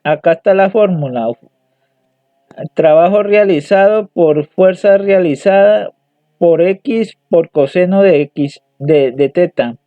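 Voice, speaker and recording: Hesitant young male student, high voice, slow delivery, reading results over lo-fi dry audio. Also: dry recording. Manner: hesitant, halting, repeats words and restarts. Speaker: student presenting homework. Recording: dry tinny phone-like audio.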